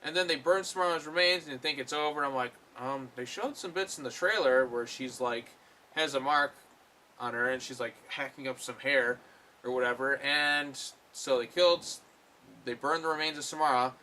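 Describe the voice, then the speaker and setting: A man's voice: mid-range voice, moderate pace, sharp tone, slight background noise. A man giving a casual, rambling film review, full of fillers and blunt swearing. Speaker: movie reviewer.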